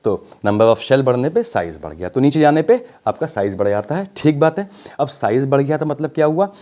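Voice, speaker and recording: A man's voice: medium pitch, big pitch swings, fairly quick, mellow. A man teaching chemistry in a recorded lecture. He works through each step with questions to the class and mixes Hindi with English technical phrases, drawing out the key words. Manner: talks the class through steps with rhetorical questions. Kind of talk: explaining at a board in a recorded lecture. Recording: dull lo-fi audio.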